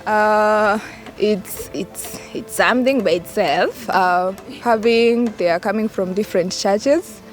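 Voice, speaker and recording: A woman's voice: mid-range voice, slow pace, hardly any pauses. A woman with a Kenyan accent introducing herself and answering interview questions. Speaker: programme participant being interviewed. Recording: faint music behind the voice.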